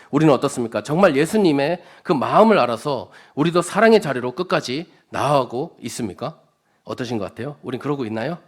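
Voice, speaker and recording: A man preaching a sermon to his congregation in a conversational way, often asking the listeners questions and acting out quoted speech with emphasis. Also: mid-range voice. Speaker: church evangelist preaching.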